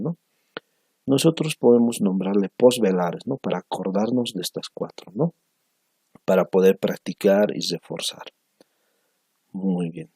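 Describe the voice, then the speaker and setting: A man teaching a language lesson on speech sounds, talking in a slow, measured way and repeating syllables for pronunciation, often tagging phrases with a questioning "no?". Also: lowish voice, gravelly, darkish tone, husky, no room sound. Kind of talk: recorded lecture on phonetics.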